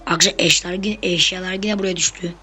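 Chatty young gameplay streamer, mid-pitched. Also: fast talker, soft background music, rough recording. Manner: chatty, constantly addressing viewers as friends; excitable bursts while fighting. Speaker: gameplay YouTuber. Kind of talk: casual gameplay commentary.

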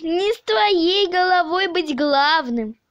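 A woman's voice: very high voice, lively intonation, takes it slowly, highs cut off, noisy background, voice pushed up, heavily acted. A woman voicing a grumpy, scornful little grumbler in a storybook reading. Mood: mocking. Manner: grumbling, mocking.

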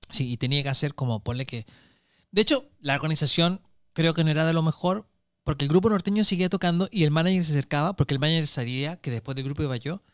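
A man's voice: on the high side, fast, no room sound, clean studio sound. A man who does stand-up comedy, telling road stories in casual chat and acting out hecklers and crowd voices. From Chile. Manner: acts out crowd voices and hecklers, animated storytelling, heavy slang.

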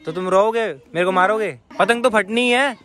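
A man's voice: high voice, moderate pace, bright, forceful tone. A man chatting easily to the camera as a vlogger, in casual vlog talk. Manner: chatty, easygoing, talks to camera. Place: sunny rooftop outdoors.

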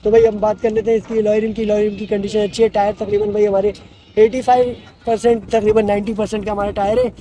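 A man with a Karachi Urdu accent walking around a used car outdoors, giving a fast, upbeat salesman-style rundown of it. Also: high-pitched, level tone, mellow, rough recording. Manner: fast, upbeat salesman patter, repeats "bhai". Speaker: vlogger showing used cars. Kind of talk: casual walk-around car review. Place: outdoor car market lot.

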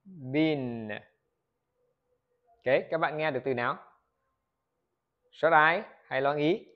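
A man's voice: a little high, unhurried. Vietnamese man teaching pronunciation, lo-fi sound. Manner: lively, asks rhetorical questions and answers them, models words for repetition. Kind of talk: video lesson, addressing viewers.

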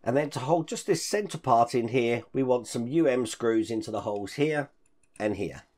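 A man in his fifties hosts a model-building channel, speaking expressively at a moderate pace in a voice that is deep, rough and hoarse yet a little mellow. He is croaky after illness and coughs occasionally. In his collectible-filled home hobby room, he casually talks through the build, chatting and explaining each step as he handles the parts.

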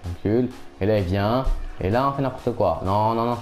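A young man commentating his own football video game match, excitable and quick to shout and repeat himself. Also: fairly low pitch, faint music behind. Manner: excitable, shouts at big moments, repeats phrases rapidly. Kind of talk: casual live gameplay commentary.

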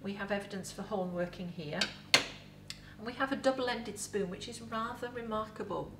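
Middle-aged English woman, museum educator, chatty lively talk, echoey room, distant mic. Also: mid-range voice, normal speed, very noisy. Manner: lively, chatty presenter with props. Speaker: museum educator in Viking costume. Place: indoor museum set with replica kitchen. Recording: roomy echo, voice from a distance.

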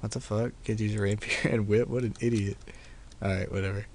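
A man's voice: lowish voice, fairly even intonation, brisk, a little mellow, a little hiss or hum. A young man giving casual, profane gameplay commentary at his computer, laid-back and laughing often. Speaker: gaming video host.

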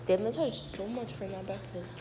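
Out on a beachfront and street, a young adult vlogger talks casually with a friend, her speech slangy, informal and full of swearing. She speaks at medium pitch and a moderate pace; the recording is rough, captured on a phone held at arm's length with loud wind and outdoor noise.

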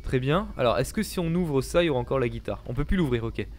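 A man's voice: medium pitch, animated, quick pace. A young man commentating a horror game in a panicky, jumpy, sweary manner, close to a desk microphone. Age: young adult. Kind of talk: excited gameplay commentary. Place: small home gaming room, indoors. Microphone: close desk microphone, headset on.

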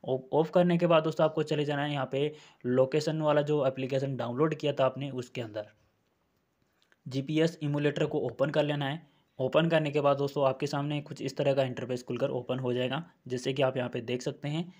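A man's voice: medium pitch, fairly even intonation, fairly quick, a little mellow. A man walking viewers through phone settings, step by step and repeating himself often. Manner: repetitive, addresses viewers as friends, step by step. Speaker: tech tutorial host. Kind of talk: screen-recorded phone tutorial.

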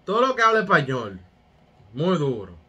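A man's voice: a little high, huge pitch swings, moderate pace, muffled recording. Hyped man reacting to music. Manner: hyped, repeats street catchphrases, talks to viewers. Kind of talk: casual reaction commentary.

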